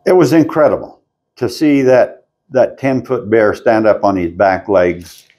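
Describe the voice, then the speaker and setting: An older man with a somewhat low voice tells a long story at a very unhurried pace. He is halting and keeps clearing his throat between phrases. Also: a little mellow. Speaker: interview guest. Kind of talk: casual storytelling interview. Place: convention floor.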